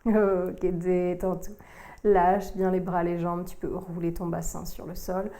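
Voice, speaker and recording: Slow, mellow woman guiding yoga. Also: lowish voice, slight background noise. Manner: calm, slow cueing of breath and movement, addressing the listener informally. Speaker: yoga teacher. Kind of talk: guided yoga core workout instruction.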